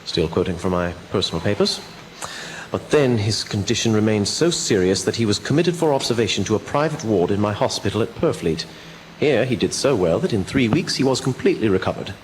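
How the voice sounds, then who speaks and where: Gothic radio drama doctor, played by a man: low-pitched, earnest, haunted, measured storyteller, noisy recording. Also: animated, close to an everyday voice. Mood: sober, recounting. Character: earnest, haunted male doctor recounting horrors. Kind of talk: dramatic first-person radio drama narration.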